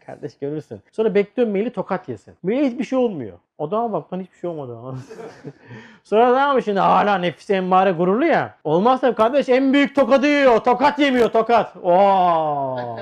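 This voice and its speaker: A man giving a religious lesson to an audience, asking many rhetorical questions and repeating his words, with sudden jumps between loud and soft. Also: sits high, animated, fast talker. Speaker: religious teacher.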